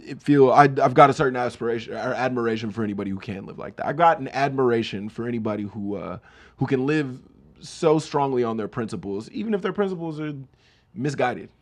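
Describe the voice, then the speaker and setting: A man's voice: mid-range voice, a little fast. A man hosting a solo podcast, riffing comedically on song lyrics in casual chat and acting out quoted lines. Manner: animated, riffing, mock-voices quoted lines. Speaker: podcast host.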